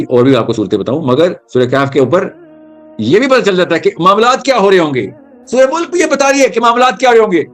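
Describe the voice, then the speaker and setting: A man giving a religious talk, telling stories with energy and mixing English terms into his speech. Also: high voice. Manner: animated storytelling, mixing English terms into Urdu. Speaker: Islamic speaker.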